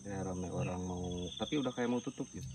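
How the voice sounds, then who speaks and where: A man with a Sundanese accent, talking casually and haltingly as host of a night exploration vlog. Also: deep voice, far from the mic, loud music behind the voice. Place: outdoors at a shrine cemetery at night. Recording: outdoor night recording, loud insect noise.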